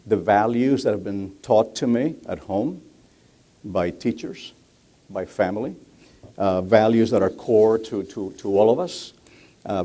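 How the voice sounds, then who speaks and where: Mellow Cuban-accented man, halting onstage. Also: fairly low pitch, husky. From Cuba. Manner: halting, repeats words as he goes. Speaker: business leader, guest speaker. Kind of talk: onstage interview answers to an audience. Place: on stage at a luncheon event.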